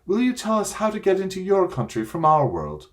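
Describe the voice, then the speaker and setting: A man voicing an earnest young girl who speaks in a high, imploring way. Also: huge pitch swings, a little fast. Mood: pleading.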